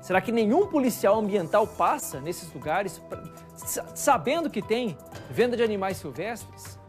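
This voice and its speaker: A man's voice: high voice, big pitch swings, moderate pace. A Brazilian man anchoring the news in a studio, talking loosely and indignantly. He throws out rhetorical questions, and faint music plays behind him. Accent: Brazilian Portuguese. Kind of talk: opinionated studio news commentary.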